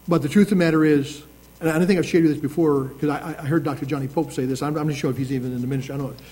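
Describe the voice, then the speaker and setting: A high-voiced man preaches a sermon with a mellow, dark tone. He leans on slow, emphatic phrasing when he reads scripture. Between readings he drifts into conversational asides full of restarts. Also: fairly even intonation, low-quality recording. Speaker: pastor.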